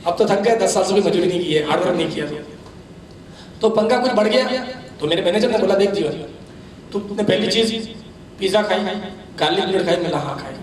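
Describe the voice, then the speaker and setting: A man's voice: sits high, animated, a little fast, pauses often. A man giving a chatty, candid motivational talk as a business trainer, laughing at his own anecdotes. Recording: very echoey hall, distant mic.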